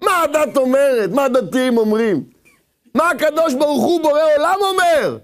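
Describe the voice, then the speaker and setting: A man's voice: very high voice, expressive. A man doing a scoffing secular mocker. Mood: mocking. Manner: mocking, exasperated, shouting.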